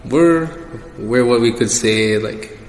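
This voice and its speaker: A young man answers questions as the guest in a casual personal interview. His voice is medium-pitched and slow. The room is echoey and reverberant, with background noise.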